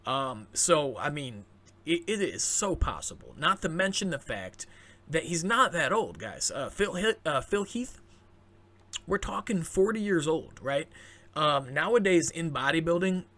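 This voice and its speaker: A man with a sharp, rather high voice hosts a fitness channel, speaking straight to camera with chatty enthusiasm, plenty of fillers, and frequent restarts. His voice is growing a little scratchy.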